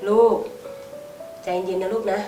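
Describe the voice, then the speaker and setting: An actress playing a poor, caring mother of grown children who speaks in a gentle, pleading way. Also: a little slow, reverberant, recorded from a distance, over music, close to an everyday voice. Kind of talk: online short drama acting.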